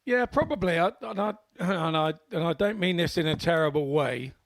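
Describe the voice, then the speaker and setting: A man's voice: fairly high pitch, animated, normal speed, gravelly, no echo. A man co-commentating on live darts in a chatty, informal way with rambling asides.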